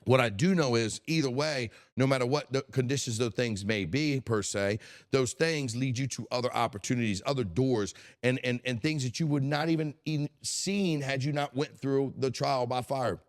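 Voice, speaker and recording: A man in his forties delivers a solo motivational podcast talk with blunt, impassioned energy. He curses freely and often restarts a phrase by repeating a word before pushing on. His voice sits at an ordinary middle pitch. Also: moderate pace. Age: 40s. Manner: impassioned, blunt, swears, repeats words while thinking. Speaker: podcast host.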